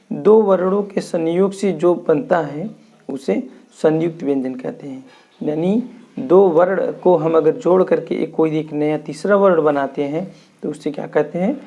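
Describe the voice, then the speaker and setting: A man teaching a Hindi grammar lesson, who explains slowly, repeats terms and asks and answers his own questions. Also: on the high side, dark tone.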